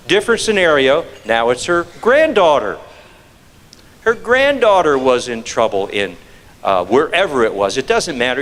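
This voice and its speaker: Here the same man delivers his presentation on avoiding scams, rattling off rhetorical questions and hammering home key phrases through repetition. His pitch is medium and a touch bright, and the room leaves a long reverb tail.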